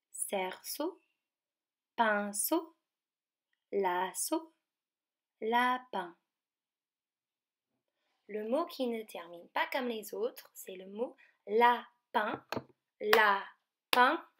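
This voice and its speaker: Slow, careful French schoolteacher woman. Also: medium pitch. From France. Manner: slow, careful, stretching out each word. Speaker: primary school teacher. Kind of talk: remote lesson for young children.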